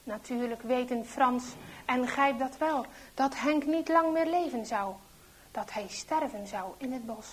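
Slow, breathy woman telling a story. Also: high-pitched, low-quality recording. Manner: slow, emphatic storytelling with strong swells.

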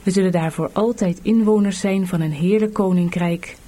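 A woman's voice: on the low side, steady tone, normal speed, mellow, natural voice. A woman voicing a weary, burdened male pilgrim in a storybook audiobook, earnest and plain.

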